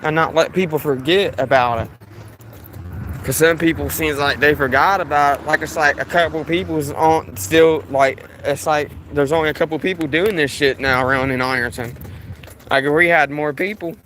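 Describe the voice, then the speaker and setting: Bright-voiced man rambling outdoors. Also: fairly high pitch, fairly even intonation, normal speed, slight background noise, low-quality recording. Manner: repetitive, frequent restarts. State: sweating in the heat. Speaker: vlogger filming police in his town. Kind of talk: casual rambling monologue. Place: outdoors in town on a hot day.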